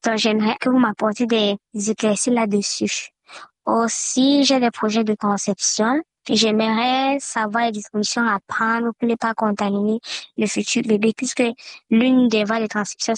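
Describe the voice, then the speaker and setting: A caller in her twenties whose voice is disguised by a voice changer, pitched a little high and sounding dry and close. She reads her question in a formal, measured manner, as if from a prepared text. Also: no echo. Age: 20s. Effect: voice altered by a voice changer for anonymity.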